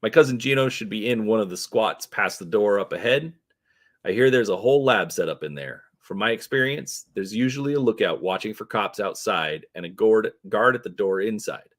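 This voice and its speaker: A hard-edged female mercenary with clipped, businesslike lines, read by a man in his own very low voice. The delivery stays plain rather than acted. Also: lively intonation, moderate pace, natural voice. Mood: brisk. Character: tough, terse female street mercenary.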